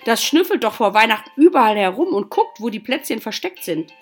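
A woman's voice: on the high side, sing-song, a little fast, faint music behind. A woman voicing a cheerful father in a children's story she reads aloud. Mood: teasing. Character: cheerful father, man, playful.

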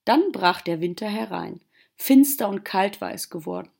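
Gentle woman reading a story aloud. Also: mid-range voice, animated, normal speed, creaky. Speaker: teacher reading aloud to her class. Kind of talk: storybook narration.

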